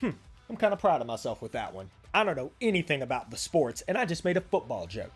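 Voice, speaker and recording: A man's voice: medium pitch, sing-song, fast. A man delivering scripted comedic narration in a wry, folksy, joking manner. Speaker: narrator of a comedic military history video. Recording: faint music behind the voice.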